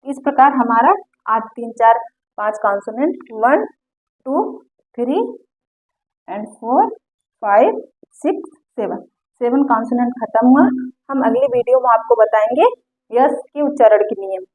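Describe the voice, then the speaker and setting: A woman's voice: a little high, a little slow, long pauses. A woman teaching English pronunciation rules, patiently repeating each example word. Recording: tinny phone-like audio.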